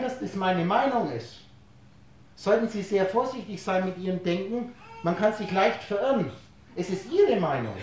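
A lecturer giving a spiritual talk to a live audience, posing rhetorical questions and playing with words, explaining through everyday analogies. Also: medium pitch. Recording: very echoey room, voice distant from mic.

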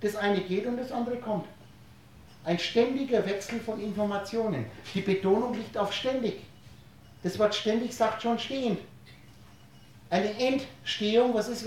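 Spiritual lecturer, mid-pitched, rhetorical and wordplay-driven, captured from afar in a heavily reverberant room. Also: a little mellow. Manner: rhetorical questions and wordplay, explains through everyday analogies. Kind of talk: spiritual lecture to a live audience. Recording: very echoey room, voice distant from mic.

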